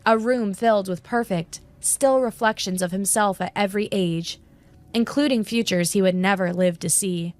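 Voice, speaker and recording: A woman narrating a fantasy story in a steady, measured, scripted style. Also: mid-range voice.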